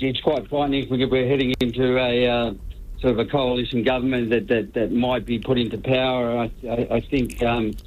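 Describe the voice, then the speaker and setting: Male interviewee, informal and hesitant with repeated words, lo-fi radio call sound. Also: mid-range voice. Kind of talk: casual interview answers. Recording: dull, band-limited radio call-in.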